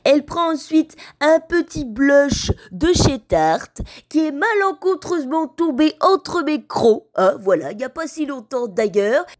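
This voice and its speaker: Woman voicing a slow, sarcastic pet bulldog. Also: high-pitched, very animated, pitched above the performer's own voice. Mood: mocking. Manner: slow, sarcastic, teasing commentary. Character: cheeky male bulldog mocking his aunt. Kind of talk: comic voice-over narration.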